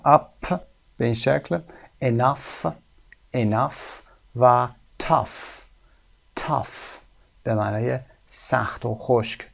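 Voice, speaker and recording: A man with a Persian accent teaches a recorded English lesson, his voice gravelly with fry. He explains in Persian and slows right down to read English example sentences carefully. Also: mid-range voice.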